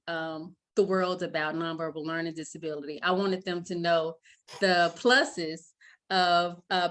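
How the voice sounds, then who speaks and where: A middle-aged woman, an author answering interview questions in an earnest, warm way, often laughing lightly. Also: fairly low pitch. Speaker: children's book author.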